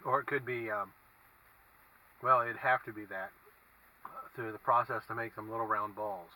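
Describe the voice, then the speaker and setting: Halting man with a sharp, bright voice. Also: fairly low pitch, fairly even intonation. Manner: halting, musing. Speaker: food reviewer. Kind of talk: casual vlog review, talking while eating. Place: inside a parked car with windows down. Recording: distant mic, faint car and traffic noise.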